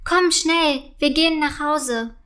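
A woman voicing an excitable young girl who talks eagerly and stammers when caught out. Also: high voice, slow pace, voice pushed up, exaggerated voice. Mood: excited.

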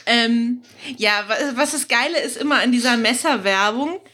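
A woman's voice: on the high side, normal speed, pushed and bright, husky. A woman co-hosting a podcast in casual conversation. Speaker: podcast co-host. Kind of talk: casual chat.

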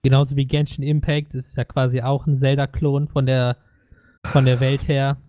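A man's voice: medium pitch, little pitch movement, normal speed, warm tone, dry recording. A man in a casual podcast chat about games, asking curious follow-up questions. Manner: inquisitive, asks follow-up questions.

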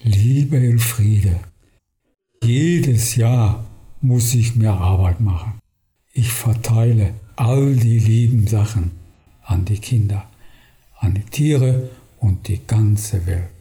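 A man playing a jolly, warm old Santa Claus in a storybook, hearty and kindly. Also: lowish voice, slow pace.

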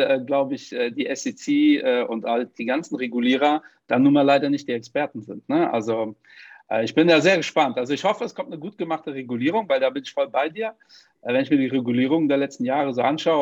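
A man's voice: medium pitch, fairly quick, no room sound, lo-fi sound. A man who grew up in Portugal, hosting a podcast and chatting casually with many fillers and jokes. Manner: joking, lively storytelling with many fillers. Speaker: podcast host. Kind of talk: casual interview chat.

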